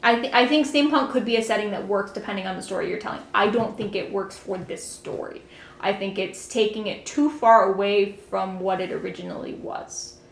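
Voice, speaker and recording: A woman co-hosting a casual podcast chat, frank and opinionated, quick to chime in. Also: mid-range voice, creaky. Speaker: podcast co-host. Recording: roomy echo.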